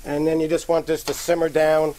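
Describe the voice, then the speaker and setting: A middle-aged man, a restaurant chef, explaining a cooking demonstration step by step in a relaxed way with many fillers. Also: on the high side, brisk, slight background noise. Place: TV studio kitchen by a sizzling stove.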